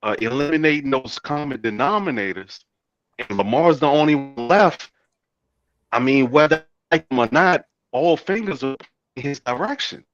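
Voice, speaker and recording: A man's voice: mid-range voice, animated, moderate pace. A man speaking over a breaking-up online group voice chat, cutting in bluntly during a casual sports debate. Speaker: panelist in a football show. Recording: dull lo-fi online call audio.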